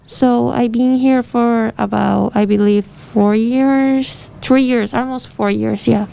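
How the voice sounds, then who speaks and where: Young venezuelan woman guest, hesitant, raspy fry, slightly high voice. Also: fairly even intonation, slow pace, warm tone, rough recording. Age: 20s. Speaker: guest, model. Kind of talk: casual interview. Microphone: phone.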